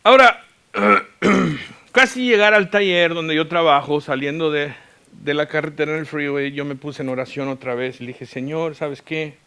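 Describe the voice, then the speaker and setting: A man preaching a sermon as a pastor, telling a personal story with English words mixed in, moving between loud and hushed delivery. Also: fairly high pitch, normal speed, smooth. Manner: mixes English words into Spanish. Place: church.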